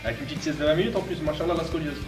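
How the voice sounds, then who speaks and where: Young male sidekick, rapid casual banter, mock-serious jabs, faint music behind. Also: fairly high pitch, fairly even intonation, rough recording. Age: young adult. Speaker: co-host. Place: indoor gym, camera a few metres away.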